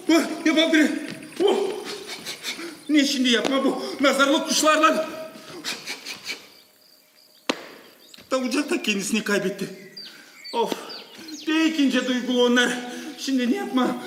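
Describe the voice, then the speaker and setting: A man's voice: extremely high pitch, expressive, moderate pace, long pauses, background noise. A man voicing a brave, watchful male farm dog in a children's stage play, thinking aloud with determination and barking. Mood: worried. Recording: echoey theatre hall with music.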